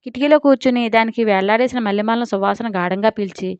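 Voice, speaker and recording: Smooth-voiced woman narrating a story. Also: fairly high pitch, fast, no room sound, highs cut off.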